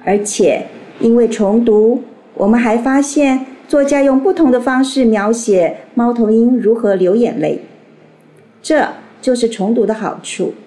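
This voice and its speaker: A woman teacher gently explaining reading methods to young children. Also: on the high side, measured pace, low-quality recording.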